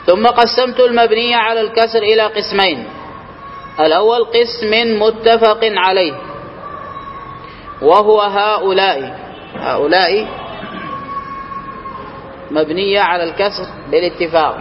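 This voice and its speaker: A man with a high voice teaches a grammar class, stretching out his readings of the text before explaining it and quizzing the room. The sound is dull and lo-fi, with a long hall reverb and faint hiss behind him. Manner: reads quoted lines slowly and higher, then explains and quizzes students.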